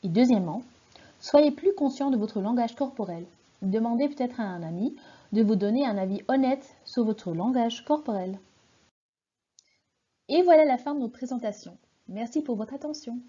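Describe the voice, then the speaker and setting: A woman's voice: on the high side, animated, moderate pace, warm tone, slightly rough, muffled recording. A woman giving a scripted presentation of advice, speaking directly to her listeners in an instructive way. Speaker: student presenter.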